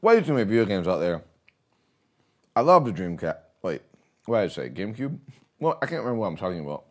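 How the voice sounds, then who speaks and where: A man's voice: lowish voice, sing-song, quick pace. A man casually chatting with his viewers while playing a game on a livestream, rambling and laughing often. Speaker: streamer.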